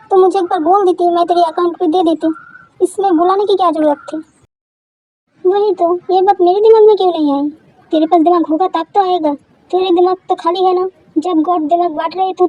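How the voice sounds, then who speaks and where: Woman with a super high but mellow voice reading a fan love story, doing everyone's lines herself. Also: low-quality recording.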